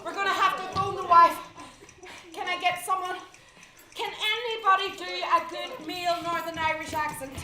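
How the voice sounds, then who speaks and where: A woman's voice: very high-pitched, fairly even intonation, normal speed, crowd noise. A woman performer urgently directing the audience in an immersive theatre show. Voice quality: urgent, commanding. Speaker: lead performer. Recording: echoey theatre.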